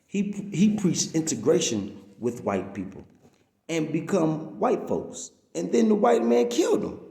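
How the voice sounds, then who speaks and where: His fairly high, creaky, dark voice swings widely in pitch at a measured pace as he preaches through a written religious-political message. He emphasizes and prolongs stressed words. The sound is roomy.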